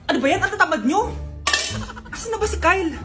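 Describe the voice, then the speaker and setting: A woman's voice: extremely high pitch, animated, quick pace, music in the background. A woman acting out comedic skits, switching playfully between several characters. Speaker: comedy skit performer.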